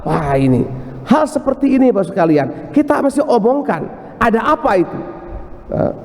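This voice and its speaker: Male priest, high voice, storytelling sermon that acts out its characters, church hall reverb. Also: darkish tone.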